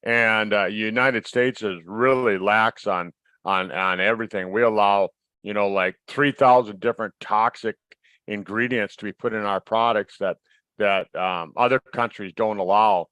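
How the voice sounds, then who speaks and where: A man's voice: on the low side, moderate pace, bright, forceful tone, smooth, no echo. A man co-hosting a wellness webinar from home, talking in a casual, emphatic, rambling way that often repeats words. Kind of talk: casual chat.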